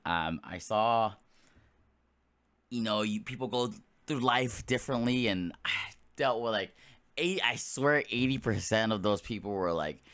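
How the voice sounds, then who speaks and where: A man's voice: on the low side, fairly bright tone, smooth, no echo. A man in his late twenties hosting a solo podcast, talking casually in a rambling way with lots of fillers and restarts. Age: late 20s. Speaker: podcast host.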